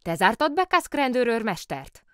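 A woman's voice: a little high, big pitch swings, fairly bright tone, clean tone, no echo, studio quality, voice pushed up. A woman voicing an earnest little girl who tries to sound stern, asking urgent, demanding questions. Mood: stern worried.

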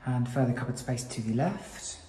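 Warm, lively, and mid-pitched, the British estate agent's voice moves at a normal speed as he enthuses in polished patter about an empty new-build, walking through and around it. The empty rooms echo, and a little hiss or hum sits under the audio.

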